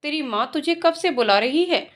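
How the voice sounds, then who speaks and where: A woman's voice: sits high, lively intonation, normal speed. Woman doing a stern village father. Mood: scolding. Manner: stern, scolding. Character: scolding village father, middle-aged man.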